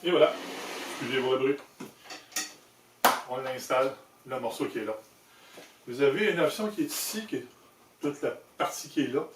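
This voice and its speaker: A man with a Québécois French accent giving an informal hands-on product demonstration, explaining in a halting way with self-corrections. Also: medium pitch. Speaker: presenter demonstrating motorcycle gear he designed. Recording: echoey room, distant mic, handling noise.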